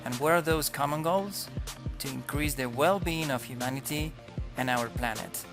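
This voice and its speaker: A man at a medium pitch hosts an interview over a video call, polite and a touch hesitant. Faint music sits under his opening words. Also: normal speed. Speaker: host. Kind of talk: interview hosting.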